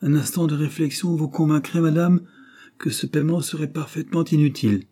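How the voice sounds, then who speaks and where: A man reading an audiobook, voicing a calm, wealthy gentleman who refuses in measured tones. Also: on the high side, voice pushed up, lightly acted. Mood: calm refusal.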